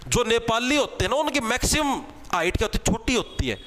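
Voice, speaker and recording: A man's voice: very high-pitched, expressive, fairly quick, sharp tone, a little hiss or hum. A young man with a Haryanvi accent teaching an exam-prep class. He chats and teases, uses joking memory tricks, and keeps checking in with "theek hai". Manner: chatty, teasing, repeats "theek hai" as a check-in.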